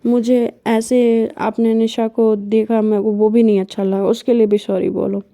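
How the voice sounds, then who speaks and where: A woman voicing a playful young wife who teases and scolds her partner with quick back-talk, in a storytelling vlog. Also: a little high, flat delivery, dark tone, no echo, clean studio sound, close to an everyday voice. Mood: teasing, sulky.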